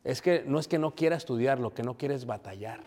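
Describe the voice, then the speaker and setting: A man's voice: mid-range voice, brisk, a little mellow. A preaching man speaks to his congregation in a mid-range voice, dropping in English asides. His words ring out with the long reverb of a church hall. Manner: preachy, addresses congregation as brothers, mixes English phrases. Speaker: pastor. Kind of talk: sermon.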